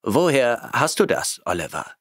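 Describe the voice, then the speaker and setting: A man voicing a feverish, irritable settler who turns gruff and shouts when agitated. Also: medium pitch, sing-song, unhurried, no echo, clean studio sound, pitched above the performer's own voice. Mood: puzzled. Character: feverish, irritable male settler on a jungle moon.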